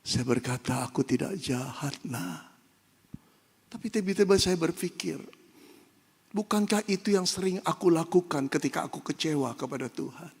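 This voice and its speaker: Husky pastor preaching in a church. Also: male voice, on the high side, a little fast. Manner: storytelling, building to fervent preaching. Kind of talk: sermon. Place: church hall. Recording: long church reverb.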